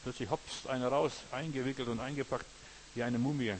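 A man's voice: medium pitch, fairly even intonation, brisk, slight background noise, poor audio. A man preaching a sermon with passion, quoting scripture by book and verse and speaking straight to his listeners. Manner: impassioned, quotes scripture with book and verse, addresses listeners directly.

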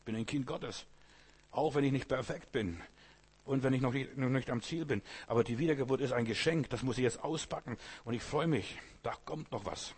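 A man's voice: medium pitch, brisk, a little mellow, slightly rough. A man preaching a sermon, speaking directly to the listener and telling stories from scripture. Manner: addresses listener directly, storytelling, voices quoted figures.

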